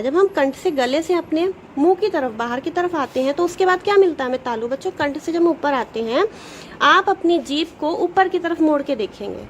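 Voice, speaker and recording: High-voiced woman teaching children. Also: slight background noise, poor audio. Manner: patient, explains step by step, sounds out letters slowly; addresses pupils directly, asks questions then answers them. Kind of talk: Hindi grammar lesson for children.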